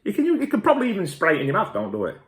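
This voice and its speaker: A man's voice: high-pitched, big pitch swings, rapid-fire. A man hosting a show in a boisterous, sweary, rambling comic rant to camera. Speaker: host.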